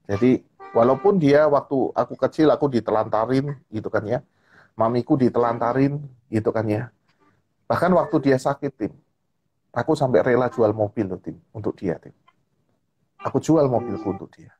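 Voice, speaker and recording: A man speaking as a guest on a live-stream chat, telling a personal story in an animated way and often repeating a filler tag. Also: medium pitch, moderate pace, long pauses, slight background noise. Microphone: live-stream call. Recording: online live-stream audio.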